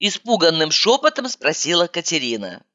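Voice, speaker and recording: A woman reading a comic first-person audiobook with animated, exasperated outbursts. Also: on the low side, moderate pace, lo-fi sound. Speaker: audiobook narrator.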